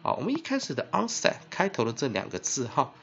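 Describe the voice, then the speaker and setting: A man teaching English spelling and phonics in Mandarin with a Taiwanese accent, spelling words out letter by letter and filling pauses with drawn-out "ah" sounds. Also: mid-range voice, gravelly, breathy edge. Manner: spells words letter by letter, heavy fillers, lively emphasis. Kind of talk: classroom-style phonics lesson. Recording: dull lo-fi recording.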